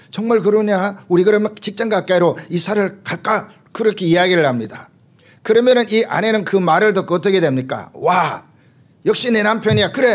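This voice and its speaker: A middle-aged man preaches a sermon in a voice a little higher than most men's. He tells stories and acts out the lines of the people in them, filling his pauses with "uh". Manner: storytelling with acted quotes, frequent "uh" fillers. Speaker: pastor.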